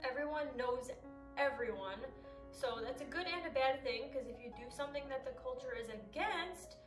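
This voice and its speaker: A woman in her twenties, a native Arabic speaker raised in the United States, vlogs candidly to her camera in a high, bright voice, chatting easily and laughing often. The audio is roomy and a bit distant from the mic, with faint music underneath.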